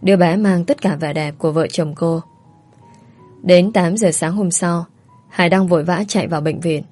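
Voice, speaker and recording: A woman narrates a family story in a calm, even way. Her voice sits low and mellow, and soft music plays faintly behind her. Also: moderate pace. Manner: calm, even storytelling, voicing the characters' quotes lightly. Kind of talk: scripted narration of a family drama.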